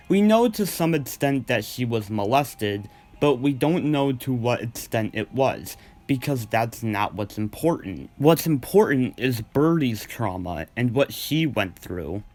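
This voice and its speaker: A man hosts a video countdown of cartoon episodes, delivering scripted review commentary in an informal, earnest manner and stressing key words. His voice is mid-range with a darkish tone.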